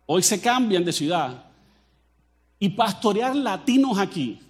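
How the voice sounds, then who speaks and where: With a high-pitched voice and a slightly slow pace, a Colombian pastor gives a spirited sermon. He jokes around and talks directly to his congregation in an animated way.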